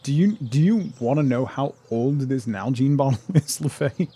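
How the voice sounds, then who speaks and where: Young guy streaming, gravelly voice, just chatting away with chat, laughs a lot. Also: medium pitch, expressive, moderate pace, dark tone. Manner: chatty, reads and answers chat, laughs often. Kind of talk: casual live-stream chat while gaming.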